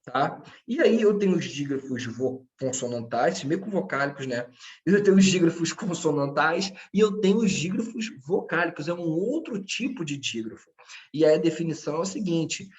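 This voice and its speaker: A man's voice: fairly high pitch, lo-fi sound. A man teaching a grammar lesson, patient and checking in with his students often. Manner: speaks to his students directly.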